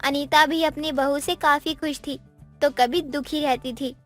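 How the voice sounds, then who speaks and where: A woman giving scripted, even-toned narration for an animated moral story. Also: sits high, a little slow, faint music behind.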